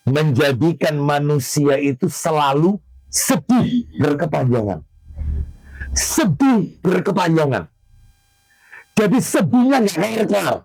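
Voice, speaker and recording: A man preaching a sermon to a women's study group. He is animated, sending his pitch up to act out his examples, and he stops to quiz his listeners. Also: dry recording, poor audio. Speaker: Islamic preacher.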